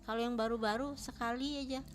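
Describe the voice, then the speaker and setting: A woman's voice: a little high, fairly even intonation, brisk. A middle-aged woman guest on a radio talk show, giving plain, short answers and frequent murmurs of agreement. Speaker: guest, knitting shop owner.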